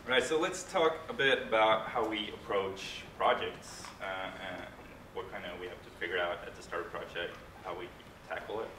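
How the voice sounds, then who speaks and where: A man giving a casual conference talk, halting and hesitant with frequent restarts. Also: fairly low pitch. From Norway. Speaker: conference speaker, game composer. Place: large conference hall. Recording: echoey hall, distant mic, room noise.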